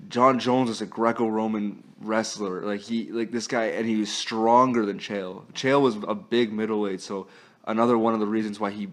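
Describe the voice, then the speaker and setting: A man hosting a casual sports talk podcast, chatty and easygoing, laughing often and using plenty of fillers. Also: fairly low pitch. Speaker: podcast host.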